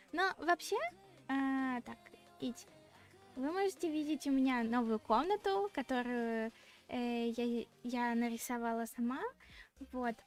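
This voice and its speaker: High-pitched, cute anime-style woman streamer. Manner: giggly and a little shy. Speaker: VTuber streamer hosting a redebut stream. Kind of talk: casual livestream chat with viewers. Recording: clear background music. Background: music.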